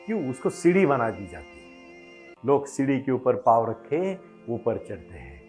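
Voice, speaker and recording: A man's voice: medium pitch, huge pitch swings, normal speed, a little mellow, faint music behind. A man giving an emphatic devotional motivational address, building into fervent exhortation. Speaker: motivational spiritual speaker.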